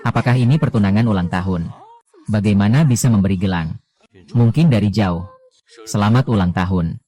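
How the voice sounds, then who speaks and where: A man reading the dialogue of a dubbed drama, voicing every role in one even, low-key delivery. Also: a little fast. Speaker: voice-over reader of a drama.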